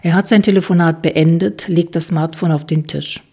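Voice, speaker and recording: A woman reads a novel aloud in calm, measured narration. Her voice is low, breathy and a little husky. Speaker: audiobook narrator. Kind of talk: scripted narration.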